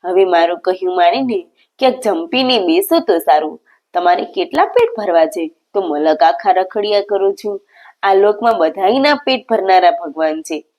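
A woman's voice: on the low side, expressive, moderate pace, darkish tone. Woman voicing a loving village mother, sweetly scolding.

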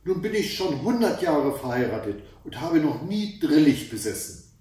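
A centuries-old giantess with a long nose, put on by a male reader, shrill and full of exclamations. The voice sits slightly high, and the very echoey room is heard from some distance. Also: very animated, normal speed, a little mellow. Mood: exclaiming. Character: hundred-year-old giantess, troll's wife, long-nosed.

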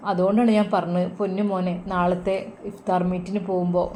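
A woman plays a tender, anxious mother in a storybook, with a lilt. She soothes and pleads in a soft, slightly raised voice. A faint hiss sits under it. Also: fairly low pitch, level tone, fairly quick, natural voice.

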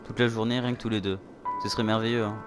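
A man reading the lines of an obsessive, clingy teenage girl from a game in a plain, even voice, with game music playing behind him. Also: on the low side, quick pace, natural voice. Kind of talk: reading game dialogue aloud.

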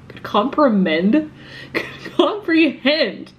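A woman's voice: sits high, very animated, a little hiss or hum. Bubbly young woman vlogging at home. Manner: bubbly, chatty, quick laughs. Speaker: lifestyle vlogger. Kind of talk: casual vlog chat to camera. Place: bright apartment room at home. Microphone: camera mic at arm's length or on desk.

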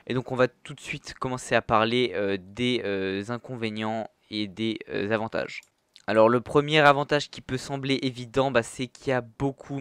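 A man's voice: mid-range voice, smooth, no echo. A young man giving casual commentary over his gameplay as a gaming video host, chatty and full of hesitations. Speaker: gaming youtuber.

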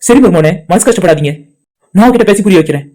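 A man's voice: sits high, animated, quick pace, mellow. A man voicing a caring middle-aged uncle who coaxes his son-in-law to talk. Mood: concerned. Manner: coaxing, concerned. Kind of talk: amateur cartoon voice acting.

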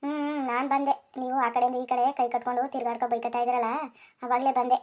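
A woman voicing a sharp-tongued village wife in a cartoon who scolds her husband. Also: on the high side, level tone, fast, lo-fi sound, close to an everyday voice. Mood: teasing. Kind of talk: Kannada cartoon voice acting.

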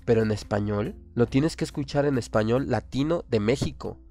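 A man's voice: medium pitch, normal speed, dark tone. A man with a Mexican accent hosting a radio show, delivering an impassioned, opinionated monologue full of rhetorical questions.

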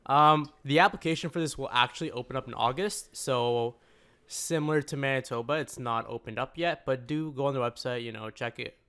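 A man's voice: mid-range voice, brisk, pushed and bright, smooth. Young male co-host, easygoing explainer, mid-range voice. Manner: joking, easygoing, explains admissions steps. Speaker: podcast co-host. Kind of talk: casual podcast chat.

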